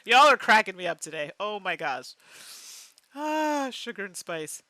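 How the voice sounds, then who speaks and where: A woman streaming a mystery game live, chatting with her viewers and laughing often in an animated way. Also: medium pitch, measured pace, no echo. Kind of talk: live game playthrough chat.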